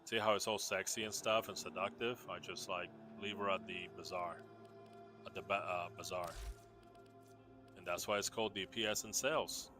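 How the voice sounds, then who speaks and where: Over background music, a Puerto Rican man with a low, steady voice shows off his game character builds at a moderate pace. His chat is laid-back and rambling, full of fillers and restarts.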